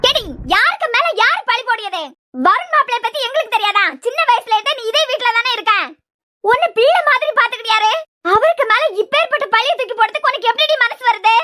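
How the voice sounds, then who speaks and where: A woman with a Kanyakumari Tamil accent voicing a sharp-tongued middle-aged mother who scolds loudly in a cartoon serial. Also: lively intonation, fast. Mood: scolding. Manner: scolding, shrill.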